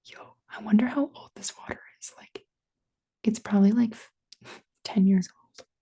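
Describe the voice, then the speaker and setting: A young adult woman with a Canadian accent whispers close to the mic in a casual, rambling, apologetic ASMR style, as an ASMR video creator. Her breathy whisper sits in the mid range, with a steady, warm tone and a moderate pace.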